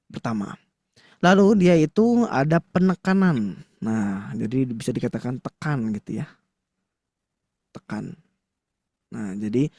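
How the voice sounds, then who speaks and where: In a dry, studio-quality recording, a man with a medium-pitched, darkish voice leads a Quran recitation class before a live audience. His style is chatty and heavy on fillers, especially "nah," and he regularly stops to quiz those present.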